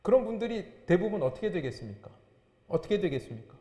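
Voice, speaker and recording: A man's voice: high-pitched, very animated, quick pace, dark tone. A man, a pastor, preaching a sermon with emphatic, rising and falling delivery. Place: church sanctuary. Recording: echoey church hall.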